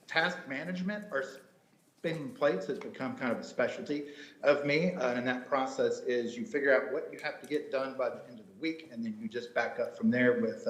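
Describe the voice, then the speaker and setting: Male applicant on a remote call, mid-pitched, explanatory, echoey sound. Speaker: job applicant, school fine arts director. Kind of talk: interview answer. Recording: roomy, echoing remote connection.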